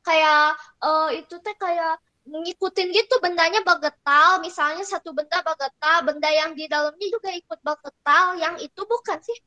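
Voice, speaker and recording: Very high, bright teenage girl student. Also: normal speed. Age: teen. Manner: chatty, unsure answers. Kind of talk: answering in class. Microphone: video call.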